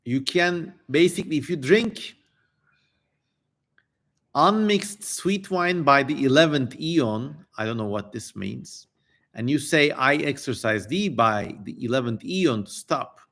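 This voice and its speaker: Animated but unhurried, his mid-range voice has a slightly bright edge. The man is giving a dramatic live reading of an ancient text for his stream, playing up the unusual names and dropping irreverent, profane comments along the way.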